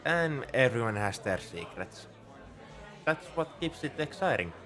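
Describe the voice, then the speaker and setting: A man with a mid-range, sing-song voice plays a shrewd, easygoing bartender at a space outpost, delivering a conversational, knowing ASMR roleplay monologue a little slowly in a bright, forceful tone. His mood is reflective and musing. The murmur of a bar crowd chatters behind him.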